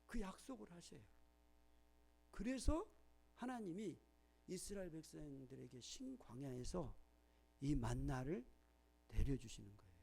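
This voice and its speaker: A male pastor with a Jeolla Korean accent delivers a Sunday sermon in a fairly high voice. He explains the passage step by step and asks questions, then answers them himself. When he reads scripture aloud, he raises his voice. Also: vocal fry, dark tone. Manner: explanatory preaching with rhetorical questions.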